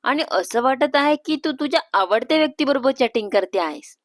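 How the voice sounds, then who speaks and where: A woman voicing an excitable, prying young woman who teases her elder sister, in a storybook reading. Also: sits high, brisk, dry recording, clean studio sound. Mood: curious. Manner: eager, prying, playfully apologetic.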